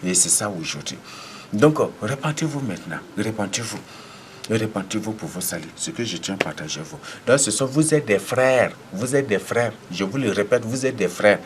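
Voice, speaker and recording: Male preacher, low register, emphatic deliverance sermon with a faint ambient hiss. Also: expressive, normal speed. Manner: commanding, repetitive declarations with sudden emphatic rises.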